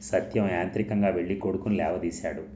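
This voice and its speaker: A man narrating a novel aloud in steady, measured storytelling, in an echoey, dull recording with a faint hiss. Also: sits low. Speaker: audiobook narrator.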